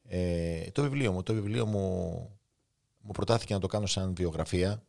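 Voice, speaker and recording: A man in his thirties with a Cypriot Greek accent and a lowish voice tells his own story on a podcast. He talks in an impulsive, heartfelt, spontaneous way, full of emotion. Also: darkish tone. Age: 30s. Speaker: guest author and coach. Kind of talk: casual interview chat.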